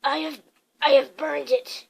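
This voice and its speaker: A woman doing Uncle Vernon, a loud blustering bully. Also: high-pitched, fairly even intonation, measured pace, creaky, slight background noise, heavily acted, rough recording. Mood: curt. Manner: loud, snapping, sneering.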